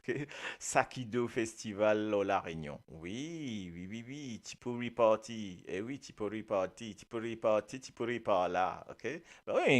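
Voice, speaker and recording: A man with a Mauritian Creole accent, hosting a casual live radio chat, playful and chatty, laughing often and jumping between topics. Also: lowish voice. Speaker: radio show host.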